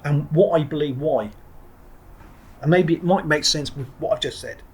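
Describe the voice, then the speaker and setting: A former Marine trainer from England, middle-aged, is a guest on a podcast, reflecting on his experiences. His voice is a little high and slightly rough, delivered at normal speed. He tells it bluntly and digressively, restarting sentences often and swearing once in a while.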